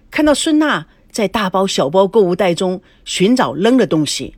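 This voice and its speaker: A woman reading a romance story aloud with expressive narration. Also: medium pitch, no room sound.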